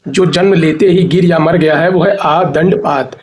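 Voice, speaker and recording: Guy with a high voice going over hindi exam words, says every answer twice. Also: steady tone, a little slow. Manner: repeats each answer, drills spelling. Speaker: Hindi teacher. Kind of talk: exam prep lesson, reading word lists aloud.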